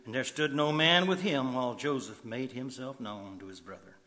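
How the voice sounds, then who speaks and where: A man preaching a sermon in an animated way, swinging from loud emphasis to quiet asides. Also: mid-range voice, moderate pace. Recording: long hall reverb.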